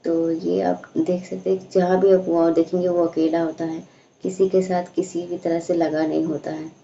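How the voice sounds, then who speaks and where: Woman, recitation teacher, patient step-by-step explaining, low flat voice, echoey muffled recording. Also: vocal fry, slight background noise. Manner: patient explaining, slow drawn-out recited words. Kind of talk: slow step-by-step recitation lesson. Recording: echoey room, dull lo-fi sound.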